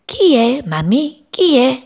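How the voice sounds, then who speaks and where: A woman voicing an excited little male sparrow chick who asks eager, breathless questions. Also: fairly low pitch, unhurried, breathy edge, full character voice.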